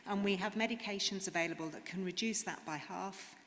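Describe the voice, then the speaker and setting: A woman's voice: medium pitch, fairly quick, a bit bright. A woman giving a conference talk as a medical specialist, earnest and explanatory, with frequent ums. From England. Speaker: conference speaker, rheumatologist. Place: conference hall. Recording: reverberant hall, faint noise.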